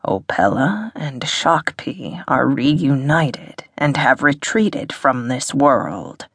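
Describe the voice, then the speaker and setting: A woman voicing a fierce male cat shifter who growls slow, deliberate warnings in a husky voice. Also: low-pitched, lively intonation, no room sound, studio quality, exaggerated voice. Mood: contemptuous.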